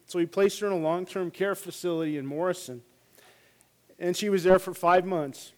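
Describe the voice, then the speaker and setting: A man's voice: high voice, fairly even intonation, normal speed. A middle-aged man, a hospice chaplain, giving a sermon with jokes and stories and many fillers. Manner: joking and storytelling with frequent fillers.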